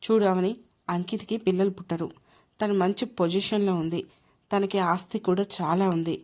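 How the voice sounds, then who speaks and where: A woman's voice: on the low side, steady tone, moderate pace, darkish tone, lightly acted. A woman voicing a stubborn, harsh husband who speaks firmly and dismissively in an emotional audio story. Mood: firm, cold. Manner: firm, blunt, dismissive. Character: stubborn harsh husband, man, cold and unyielding. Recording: dull lo-fi recording.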